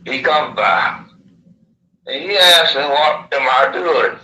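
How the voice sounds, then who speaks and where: A man's voice: fairly high pitch, lively intonation, takes it slowly, sharp tone, roomy sound, dull audio. A man with a lisp and slushy s sounds from missing upper teeth, telling a first-hand story in a casual, folksy, rambling way. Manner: folksy, plain-spoken, rambling. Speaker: interviewee.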